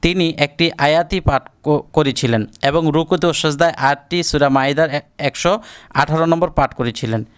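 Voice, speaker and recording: Smooth-voiced man teaching prayers. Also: on the high side. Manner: drawn-out Arabic recitation for learners to repeat; explains pronunciation rules step by step. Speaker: Islamic teacher. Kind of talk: religious lesson on prayers and pronunciation.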